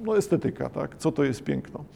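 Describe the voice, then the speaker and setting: A man giving a slow, reflective lecture, pausing often and hesitating between phrases. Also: a little high, animated, vocal fry, mellow, a little hiss or hum. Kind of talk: lecture on Japanese poetry.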